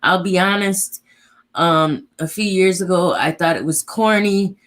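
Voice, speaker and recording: Very low-voiced woman, casual and measured. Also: fairly bright tone. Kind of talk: casual discussion.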